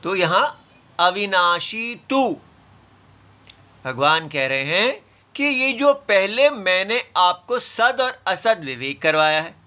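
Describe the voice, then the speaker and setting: A man teaching a scripture class, patiently explaining and breaking words apart syllable by syllable, sometimes reciting verses in a slow chant. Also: high-pitched, sing-song, bright, forceful tone.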